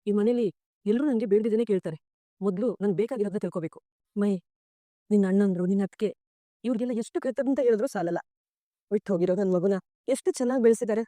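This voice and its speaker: Woman playing a warm, sorrowful mother. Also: mid-range voice, fast talker, no echo, lightly acted. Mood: gentle. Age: middle-aged. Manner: soft, pleading, tearful at times. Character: sorrowful middle-aged mother, guarded and tender. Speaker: mother in a TV serial. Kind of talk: TV serial acting.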